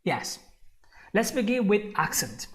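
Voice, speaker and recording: A young native Italian speaker with an Italian accent teaches a live online English lesson, encouraging his viewers, repeating phrases and addressing them directly. His voice is high-pitched and unhurried, with big swings in pitch.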